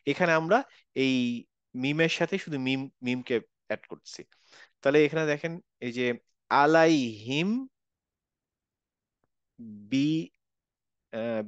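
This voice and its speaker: A man teaching an online class on recitation rules, explaining patiently step by step and slowly modeling recited words. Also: on the high side, clean tone, dry recording, highs cut off.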